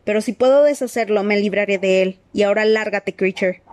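A woman's voice: mid-range voice, a little fast, darkish tone, close to an everyday voice. A woman voicing a curt, scornful grown man in an audiobook reading. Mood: cold scorn.

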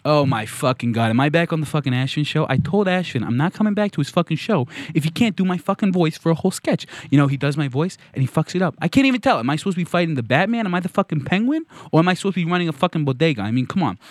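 A man's voice: fairly high pitch, lively intonation, racing, few pauses, no room sound, natural voice. A man voicing a confused, swearing British man who finds himself lost in a studio, talking with a British accent. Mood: irate. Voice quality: swearing, indignant.

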